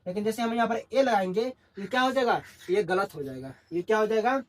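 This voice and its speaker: With a high voice, lively intonation, and a fairly quick pace, a male English grammar teacher teaches a Hindi-language class. He constantly asks and answers his own questions in a call-and-response delivery.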